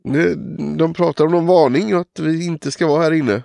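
Gravelly-voiced man playing a tabletop game. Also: a little high, fairly even intonation, darkish tone, no echo, studio quality. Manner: questioning and hesitant. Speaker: player.

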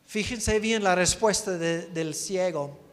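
A male missionary preaching a sermon, telling the story slowly with dramatic pauses. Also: high voice, fairly bright tone, big-room sound. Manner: slow, pausing, dramatic storytelling.

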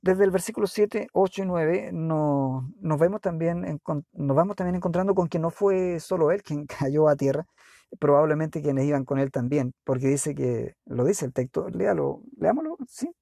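Gravelly-voiced man preaching a sermon. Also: warm tone, no room sound, clean studio sound. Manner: earnest preaching with dramatic pauses, speaks to the congregation directly; acts out quoted lines with lifted pitch and slowed pace.

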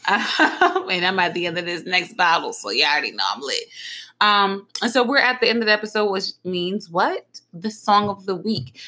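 A young woman from Trenton, New Jersey, hosting a podcast in casual chat, blunt and animated and swearing freely. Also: fairly low pitch. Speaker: podcast host.

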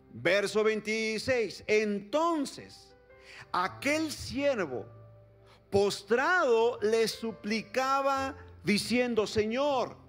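A male pastor preaching a sermon, reading scripture aloud and putting questions to his congregation. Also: sits high. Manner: reads scripture then asks the congregation questions.

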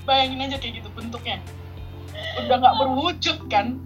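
A woman's voice: sits high, moderate pace, soft background music. A woman co-hosting a casual podcast chat, playful and teasing, laughing often. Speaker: podcast co-host.

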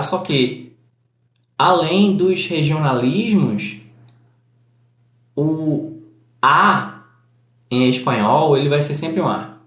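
A man with a Northeastern Brazilian accent, explaining a language lesson slowly and deliberately, spelling out each example. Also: on the high side, roomy sound. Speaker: language teacher.

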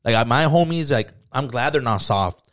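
A man, co-hosting a casual podcast chat, telling stories in a profane, slangy, animated way. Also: medium pitch, moderate pace. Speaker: podcast co-host.

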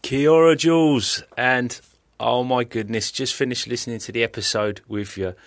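A British man leaving a casual voice message, effusive and halting as he repeats his words. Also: medium pitch, steady tone, dry recording, clean studio sound. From United Kingdom. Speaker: podcast listener leaving a voice message.

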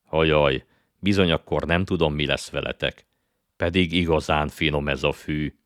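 A man's voice: a bass voice, fairly even intonation, a bit bright, no echo. A man reading aloud and voicing a friendly talking winged horse who chats cheerfully, often with his mouth full.

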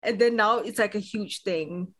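A young Singaporean woman hosts a podcast, speaking at normal speed with medium pitch. Her casual, giggly chat is full of fillers, especially "like," and she laughs often in a chatty way.

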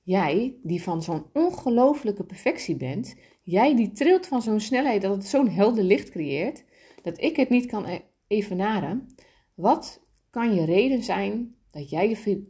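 A woman voicing a small, innocent soul who asks excited, pleading questions. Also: mid-range voice, measured pace, slightly rough. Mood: eager.

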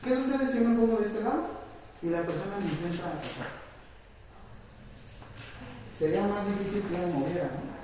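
Coaching nursing instructor, mellow voice, heard from across a big echoing room. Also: mid-range voice, lively intonation, fast. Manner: coaching, asks questions, urges energy. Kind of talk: hands-on first aid class. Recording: echoey hall, far from mic, faint room noise.

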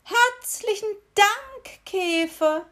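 A woman's voice: sing-song, takes it slowly, exaggerated voice. A woman voicing a whiny, tearful male beetle in a children's storybook reading, howling and sobbing. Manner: howling, sobbing, high and loud.

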